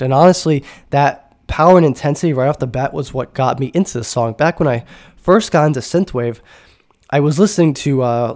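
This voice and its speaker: Stuffed up and nasal from a cold, the host of a laid-back music podcast speaks enthusiastically in a medium-pitched voice with a darkish tone. His talk is full of rambling tangents and self-corrections.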